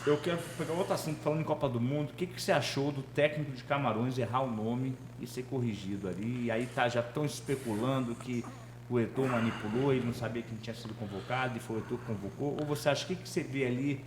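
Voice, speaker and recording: Man, Brazilian Portuguese accent, podcast co-host, conversational and questioning, quick pace, echoey room, faint noise. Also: mid-range voice. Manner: conversational, asks questions, many fillers. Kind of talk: casual sports chat.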